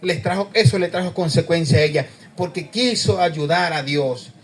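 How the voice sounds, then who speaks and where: High voiced preacher guy, chatty sermon, keeps asking the room stuff and saying amen. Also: normal speed, slight background noise. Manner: conversational, questioning the congregation, says amen often. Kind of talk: sermon with congregation.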